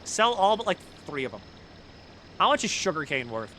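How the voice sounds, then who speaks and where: A man's voice: fairly high pitch, very animated, moderate pace, slight background noise. Rambling, joking man streaming a game. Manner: rambling, joking, swears often, swings from mumbling to loud bits. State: has a cold. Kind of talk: casual gaming stream chat.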